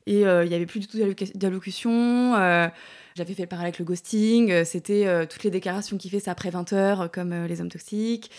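A woman's voice: medium pitch, steady tone, fast talker, darkish tone. A woman in her thirties chatting as a podcast guest, with many fillers and words that trail off to near-whispers. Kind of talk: casual interview chat.

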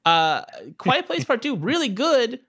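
A man's voice: very high-pitched, very animated, a little slow, a bit bright, slightly rough. A man chatting casually as a podcast guest, with a crude, joking way of talking. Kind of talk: casual comedic chat.

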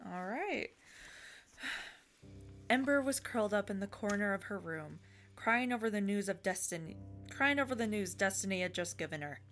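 A woman narrates a story in a bright, medium-pitched voice. She reads aloud and drops in casual asides, with music playing underneath. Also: expressive, moderate pace, pauses often.

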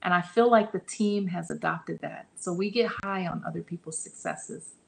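A woman's voice: lowish voice, moderate pace, creaky, low-quality recording. A woman answering interview questions about her publishing business, earnest and encouraging, often restarting her sentences. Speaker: guest, publishing company leader.

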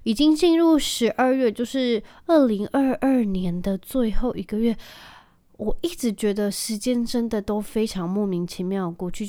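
A chatty woman in her thirties from Taiwan hosts her own podcast. She talks loosely and rambles, with a lot of filler words, at a middle pitch. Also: warm tone. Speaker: podcast host. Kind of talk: casual chat.

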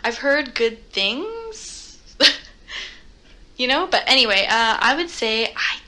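Bright chatty young Canadian-born woman. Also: on the high side, sing-song, slow pace. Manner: chatty, laughs often, puts on quoted voices. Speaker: podcast co-host. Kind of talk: casual chat.

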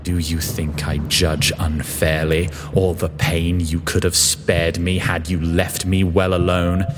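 A man voicing a haunting clone woman, very deep. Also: little pitch movement, slow pace, big-room sound, over music. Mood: accusing. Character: haunting newborn female clone, accusing and sorrowful.

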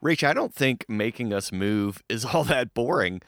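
A man's voice: mid-range voice, lively intonation, moderate pace, a bit bright, no room sound. Guy hosting a goofy trivia podcast, voice all over the place, super dry mic. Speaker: podcast host. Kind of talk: playful comedic banter.

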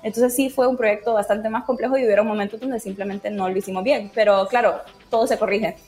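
A woman from Honduras, a project team member, answers interview questions casually in an enthusiastic, explanatory way. Her mid-range, slightly mellow voice moves fairly quickly with fairly even intonation, and faint music plays behind her.

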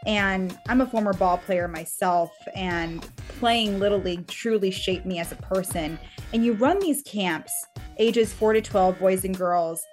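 A woman's voice: medium pitch, measured pace, soft background music. A woman conducting a sports interview in a casual, chatty style.

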